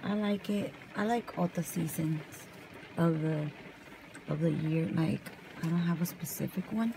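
A young woman from California chatting softly and casually in ASMR style while brushing her hair in a parked car at night. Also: low-pitched, a little slow, vocal fry, noisy background. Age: young adult. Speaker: vlogger. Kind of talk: soft-spoken ASMR chat. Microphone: camera close up.

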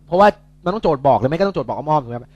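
A man's voice: fairly high pitch, lively intonation, racing, a little mellow, dry recording, highs cut off. A young man tutoring physics in a casual, chatty way, joking and correcting himself as he works through problems.

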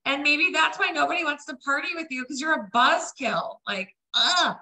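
A woman's voice: high-pitched, normal speed, pushed and bright, rough recording. A woman on a panel over a video call, talking bluntly and with sass, laughing through her lines. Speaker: panelist consultant. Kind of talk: casual blunt panel talk. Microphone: video call webcam.

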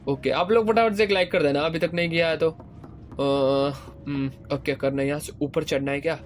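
A young man giving casual, excitable commentary while playing a horror game, swearing playfully and yelping high when scared. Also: normal speed, slight background noise. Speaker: gaming YouTuber. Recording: game music loud behind voice. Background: horror game music.

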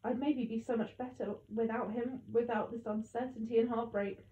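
A woman voicing an anxious, heartbroken mother who pleads in a high, emotional voice. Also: fairly even intonation, normal speed, natural voice. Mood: distressed. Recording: echoey tinny phone-like sound.

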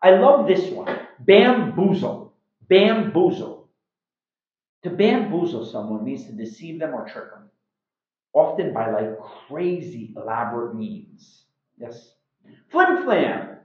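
With a fairly high pitch and an unhurried, slow delivery, a middle-aged Iranian man teaches English slang informally to the camera as a video host. He acts out examples in an animated, emphatic way, and his small home room lends a roomy, slightly dull sound.

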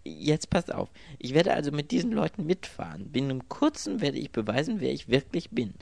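A man voicing a cool, wry gentleman. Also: medium pitch, sing-song, moderate pace, gravelly, no echo, pitched above the performer's own voice.

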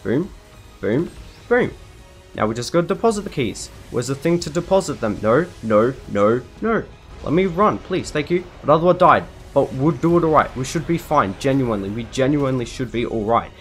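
A man's voice: mid-range voice, expressive, moderate pace, soft background music. A man giving live commentary over his gameplay, frantic and anxious, repeating himself over and over as he talks. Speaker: gaming video creator.

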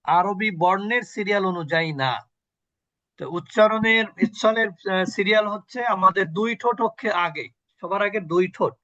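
A man's voice: high-pitched, pushed and bright, no echo, muffled recording. A man teaching an online Quran recitation class on a video call, patiently quizzing his students and repeating sounds for them.

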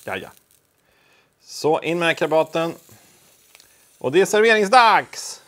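A man's voice: on the high side, animated, pushed and bright. A man hosting a casual home cooking video, talking to the camera while he cooks, with offhand, self-deprecating asides. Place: home kitchen.

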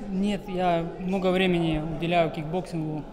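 A man in his twenties giving modest, halting interview answers as a fighter. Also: sits high, steady tone, over music. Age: 20s. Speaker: MMA fighter being interviewed. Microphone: interviewer's handheld microphone. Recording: reverberant hall, crowd noise behind.

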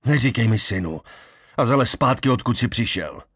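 A man's voice: medium pitch, expressive, a bit bright, husky, no echo, studio quality, pitched above the performer's own voice. A man playing a desperate young man. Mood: angry. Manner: pleading, with flashes of anger. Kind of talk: audiobook character voicing.

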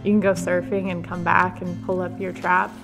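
Low gravelly woman over guitar music. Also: little pitch movement, normal speed. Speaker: photographer. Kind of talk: reflective voice-over narration.

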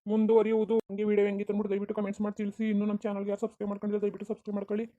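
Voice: mid-range voice, monotone, rapid-fire, warm tone, highs cut off. A channel host, giving a polite outro.

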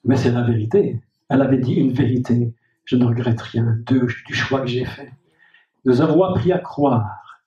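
A man's voice: medium pitch, normal speed, dark tone. A man preaching a sermon as pastor, repeating key phrases and speaking directly to the congregation. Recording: dull, echoey hall recording from a distant mic.

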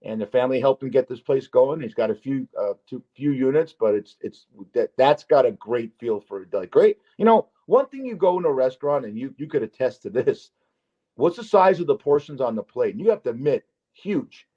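A man hosting a podcast, chatting loosely and telling stories with lots of restarts and emphatic asides. His voice sits at an ordinary middle pitch. The audio is a bit dull and lo-fi. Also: animated, fairly quick. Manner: rambling, restarts, emphatic storytelling. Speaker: podcast host. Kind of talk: casual chat. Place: Las Vegas.

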